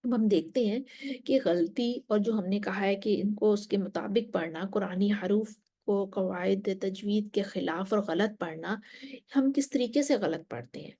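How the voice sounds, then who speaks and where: Woman teaching Quran recitation, mellow voice. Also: mid-range voice. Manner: slow, measured explanation with Arabic recitation. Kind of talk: religious lesson.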